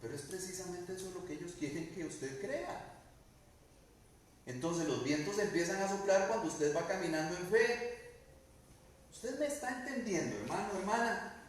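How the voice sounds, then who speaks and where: Pastor preaching. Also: male voice, high-pitched, expressive, moderate pace, pauses often, slight background noise. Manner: preaching with questions to the congregation, dramatic quoted lines. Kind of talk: sermon. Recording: very echoey room, mic at a distance.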